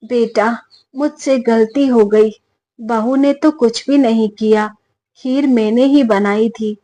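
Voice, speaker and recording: A woman voicing a meek, softly pleading older mother. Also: a little high, slow pace, no echo, rough recording. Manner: soft, subdued pleading. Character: meek older mother-in-law, gentle and humble.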